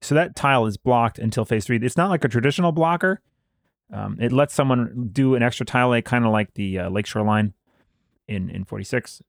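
A man hosting a casual board game discussion, explaining details at an easy pace and pausing with fillers as he recalls them. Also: medium pitch, vocal fry, dry recording, studio quality.

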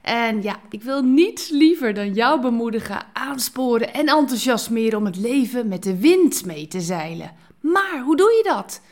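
Woman, devotional host, fairly high voice, expressive with hushed asides. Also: moderate pace. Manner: expressive, switching between lively and hushed phrasing. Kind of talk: devotional talk ending in prayer.

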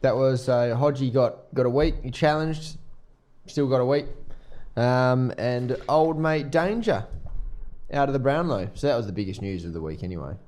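A man's voice: mid-range voice, moderate pace, darkish tone. A young Australian man co-hosting a casual podcast, teasing and blunt in his banter. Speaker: podcast co-host. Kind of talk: casual chat.

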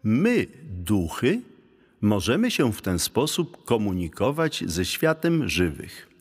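A man's voice: on the low side, big pitch swings, slow, breathy edge, long reverb tail, heavily acted. A man voicing a young female ghost who speaks through a stone, pleading in a melodic way.

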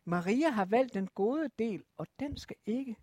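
A preacher telling a Bible story to children, lively and asking the listeners questions. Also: mid-range voice, dry recording, studio quality.

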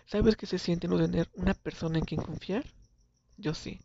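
A man's voice: sits high, moderate pace, creaky, mellow, slight background noise. A young man, narrating a first-person story in a somber, earnest, confessional tone. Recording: dull lo-fi recording.

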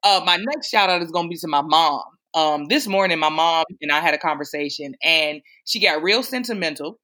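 This is a woman hosting a casual podcast, with a bright, forceful tone. She chats in a teasing, lively way and laughs often. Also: sits low, brisk. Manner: playful, teasing, animated with laughs. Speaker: podcast host. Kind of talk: casual chat.

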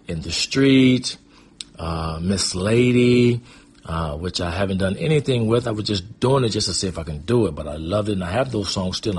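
A middle-aged American man from Michigan, a guest storyteller and performing artist, recounts his own life in a casual, reflective, conversational way. His voice is lowish and husky, the feel one of personal storytelling and easygoing reminiscing.

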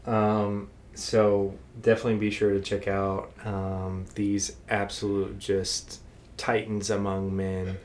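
A man's voice: on the low side, flat delivery, slow, darkish tone, a little hiss or hum. A man co-hosting a podcast in casual chat, rambling with lots of fillers and restarts. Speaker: podcast co-host.

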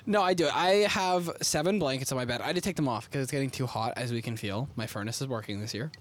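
A young man co-hosting a podcast, telling stories in an animated, swearing, laughing way. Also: mid-range voice, quick pace. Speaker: podcast co-host. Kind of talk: casual chat.

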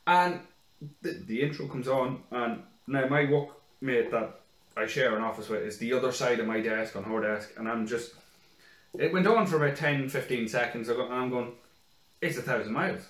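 A man co-hosting a casual podcast, telling animated stories with plenty of swearing and laughter. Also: medium pitch, normal speed. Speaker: podcast co-host. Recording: echoey room.

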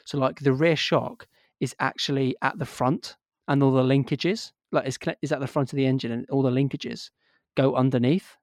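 A man's voice: mid-range voice, fairly even intonation, moderate pace, darkish tone, no echo, clean studio sound. A man co-hosting a podcast in a casual, rambling chat, gushing with enthusiasm. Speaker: podcast co-host.

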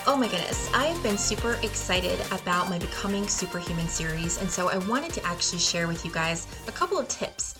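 A woman's voice: lowish voice, lively intonation, fairly quick, few pauses, over music. A woman in her forties, a health coach hosting her own show, talks in a bubbly, upbeat way and laughs often while promoting her program. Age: 40s. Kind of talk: casual promotional monologue.

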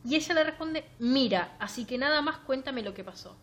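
Co-hosting a podcast, a woman with a Rioplatense Spanish accent chats casually and sarcastically about books in a high-pitched, brisk voice over lo-fi sound. She's animated and reads passages aloud in a mocking way during this book-review conversation.

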